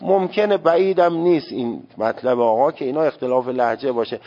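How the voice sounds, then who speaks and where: A man teaching a seminary class on religious law, speaking emphatically and sounding out Arabic words to show how they should be said. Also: mid-range voice. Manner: emphatic, demonstrates Arabic pronunciation aloud. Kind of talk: religious law lecture to students. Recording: dull lo-fi recording with long hall reverb.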